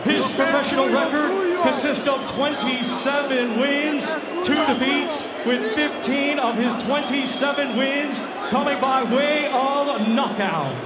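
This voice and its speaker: A man working as a ring announcer, shouting drawn-out introductions and stretching out names and places in a large indoor arena. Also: very high voice, heavy background noise. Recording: echoey arena with loud roaring crowd.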